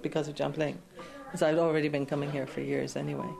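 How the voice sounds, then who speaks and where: An Irish woman gives casual interview answers. Her voice is on the low side and creaky, with music playing behind her. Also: little pitch movement, fast, a little mellow. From County Wicklow, Ireland.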